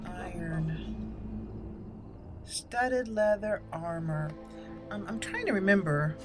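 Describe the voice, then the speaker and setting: A gaming channel host with a lowish voice and lively intonation takes her time as she comments casually on her gameplay. She thinks out loud and reads item names aloud, with video game music playing behind her.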